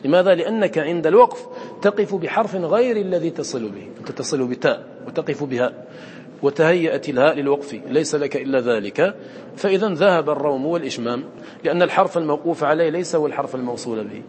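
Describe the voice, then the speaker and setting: Fast-talking man teaching recitation. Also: a little high, a little mellow, long reverb tail, a little hiss or hum. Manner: quizzes listeners often, repeats points. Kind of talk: lecture to students.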